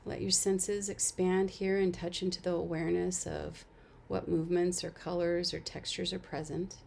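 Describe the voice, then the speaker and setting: The meditation instructor here is a woman whose fairly low, creaky voice keeps a level tone as she leads a guided body scan. She offers gentle, unhurried directions and soft invitations.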